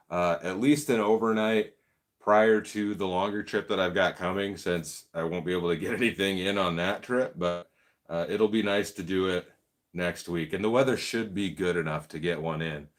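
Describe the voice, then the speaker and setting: A man hosting a casual live stream, reading viewer comments and chatting in a laid-back way, laughing often. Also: fairly low pitch. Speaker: livestream host.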